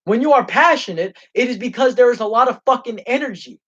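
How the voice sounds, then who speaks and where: A man's voice: very high voice, animated, quick pace, a bit bright. A young man hosting his own livestream, ranting passionately and angrily with lots of swearing. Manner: passionate, profane and heated. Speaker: livestream host. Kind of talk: unscripted livestream rant. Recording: dull lo-fi stream audio.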